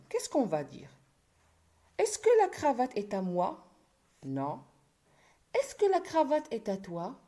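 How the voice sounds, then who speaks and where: Woman primary teacher, slow, careful, lively intonation. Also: medium pitch. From Morocco. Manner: slow, syllable-by-syllable instruction. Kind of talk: classroom video lesson.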